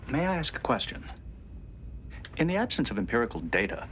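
An actor playing a calm, precise male android officer who speaks in a smooth, even, unemotional way. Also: medium pitch, brisk, a little hiss or hum. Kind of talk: TV series acting.

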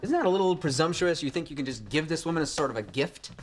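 A man's voice: fairly high pitch, animated, fast talker, natural voice. A man acting in a sitcom as an insecure, eager chiropractor in his thirties, flustered and stammering. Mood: exasperated, pleading. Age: 30s.

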